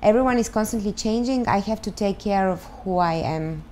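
A woman in her thirties from Bulgaria, speaking English with a Bulgarian accent, answering interview questions thoughtfully and pausing to search for words. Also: medium pitch, warm tone, a little hiss or hum. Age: 30s. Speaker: guest, start-up founder. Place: living room, on a sofa.

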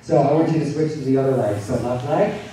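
A man's voice: mid-range voice, fast talker, mellow, slight background noise. A man teaching a live yoga class at a convention, encouraging and repeating reassurances, speaking into a handheld microphone. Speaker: yoga instructor. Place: large convention hall. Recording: echoey hall, distant handheld mic.

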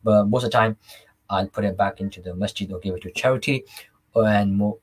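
A man's voice: lowish voice, a little fast, husky. A young man answering interview questions in a conversational way, often repeating and restarting his words. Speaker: interview guest, devotional singer. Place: small room indoors on a video call.

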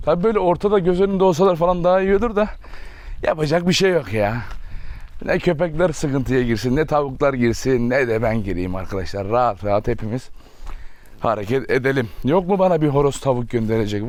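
A man's voice: mid-range voice, darkish tone. A man chatting casually to viewers while working on his farm, filmed on a camera mic outdoors, with a doting tone when he talks to his dogs. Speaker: farm vlogger. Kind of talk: casual vlog talk to viewers. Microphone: camera mic, filming alone without a tripod.

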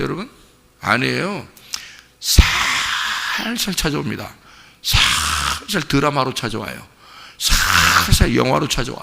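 A middle-aged male pastor giving a dawn service sermon in a church sanctuary, animated and vivid, often putting direct questions to the congregation. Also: mid-range voice, creaky, slightly rough. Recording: long church reverb.

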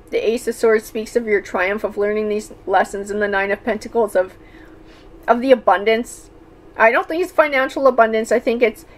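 A woman doing a tarot reading, speaking thoughtfully with frequent fillers and restarts. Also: mid-range voice. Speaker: tarot reader.

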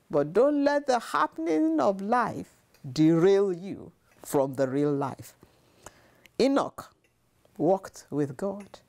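Earnest woman preaching slowly. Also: a little high, warm tone. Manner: earnest, repeats phrases for emphasis. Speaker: devotional speaker. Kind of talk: devotional sermon to camera. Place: living room, seated on sofa. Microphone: lapel mic.

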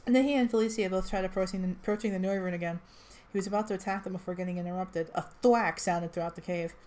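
A woman's voice: mid-range voice, fast, a little mellow. A woman reading a fan story aloud in a casual way, with restarts and chatty asides. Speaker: reader. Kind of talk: amateur fan-fiction read-aloud.

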